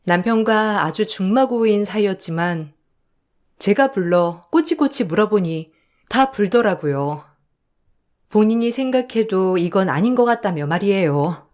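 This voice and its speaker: A woman's voice: medium pitch, expressive, a little slow, darkish tone. Woman narrating an emotional story. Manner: emotional, confiding first-person telling. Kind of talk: first-person story reading.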